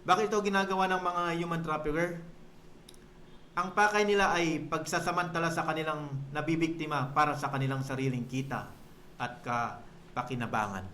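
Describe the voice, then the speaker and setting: Bright-voiced police guest man. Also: a little high, fairly even intonation, moderate pace, a little hiss or hum. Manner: lists points in order and explains each term. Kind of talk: explaining a topic on radio. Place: radio studio.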